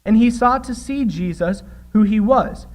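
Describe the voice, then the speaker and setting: A man's voice: high-pitched, measured pace, a little mellow, rough recording. A young man preaching a sermon in church, reading scripture aloud and retelling it earnestly. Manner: earnest, acts out quoted voices while retelling.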